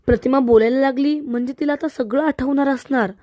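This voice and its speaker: Brief: woman doing anxious schemer, high pitched, pleading. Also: steady tone, fairly quick, warm tone, dry recording, studio quality, lightly acted. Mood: panicky. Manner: frightened, pleading. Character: anxious scheming young woman posing as daughter.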